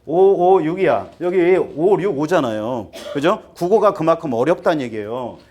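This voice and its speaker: Animated man in his fifties lecturing parents. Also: on the high side, normal speed. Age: 50s. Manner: animated, rhetorical questions, acts out students and parents; gets excited and trips over words. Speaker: academy teacher giving a parent briefing.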